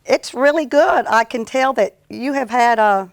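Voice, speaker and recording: A woman's voice: on the high side, measured pace, dry recording, clean studio sound. A woman from an imaging clinic explaining scan results casually and emphatically, often repeating "absolutely". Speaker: imaging center staff.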